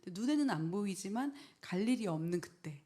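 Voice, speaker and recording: Woman pastor, middle-aged, earnest testimony, whispered prayer quotes, lively storytelling. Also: medium pitch, brisk. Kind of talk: testimony sermon.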